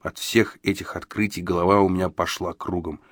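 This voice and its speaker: A man reads a gothic novel aloud in the first person, steady and calm. His voice is low, and the recording is dry and close, with no room sound around it. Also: brisk, no echo. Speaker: audiobook narrator. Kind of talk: scripted first-person narration.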